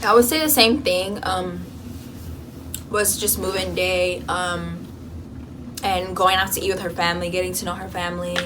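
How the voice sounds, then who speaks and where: A young woman vlogging in a college dorm room, chatting casually and telling an animated story full of fillers. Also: fairly low pitch, moderate pace, background noise. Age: young adult. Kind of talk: casual chat.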